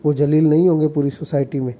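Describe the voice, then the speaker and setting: A man's voice: fairly high pitch, fairly even intonation, fast talker, mellow. A man giving earnest, lecturing relationship advice, telling example stories and acting out what people said. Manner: earnest, lecturing, acts out quoted lines.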